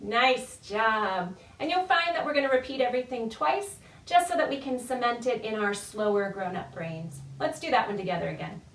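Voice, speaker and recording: A children's librarian leads a baby storytime, giving parents and babies friendly, encouraging instructions in a sing-song, demonstrative way. Her voice is on the high side, animated and a bit bright, at normal speed with few pauses. A distant mic picks her up with roomy echo.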